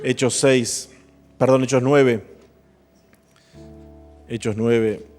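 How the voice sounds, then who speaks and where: A man's voice: mid-range voice, level tone, extremely slow, a little mellow. A man preaching a sermon at an evangelical church service, emphatic and building to impassioned exhortation. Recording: long church reverb, faint instrument music.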